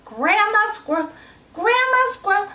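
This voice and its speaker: Woman as a sweet old grandma squirrel singing high, from a distant mic. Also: animated, a little slow, sharp tone, heavily acted. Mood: cheery. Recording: roomy, distant mic, faint noise.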